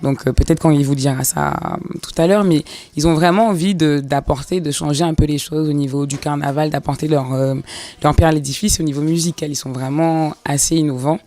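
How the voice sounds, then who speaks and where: Chatty tourism entrepreneur, fillers galore. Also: female voice, deep voice, steady tone, brisk, warm tone. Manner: fluent but filler-heavy, says 'en fait' often.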